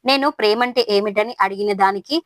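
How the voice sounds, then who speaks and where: A woman voicing a curious teenage girl who asks questions calmly. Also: medium pitch, brisk, no room sound, lightly acted. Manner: calm, inquisitive.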